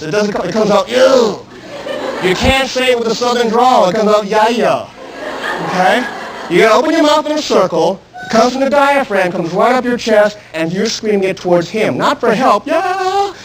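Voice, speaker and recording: A man teaching a self-defense class, coaching step by step and shouting drill commands. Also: high-pitched, rough recording. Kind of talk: live class instruction. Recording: archive 1990s instructional video.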